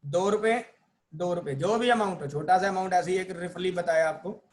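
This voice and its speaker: A man gives a lively accounting lesson in a high voice. He acts out little reactions of joy and dismay. He quizzes his students and answers for them. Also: moderate pace. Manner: asks students questions and answers them himself. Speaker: accounting teacher. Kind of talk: classroom lecture.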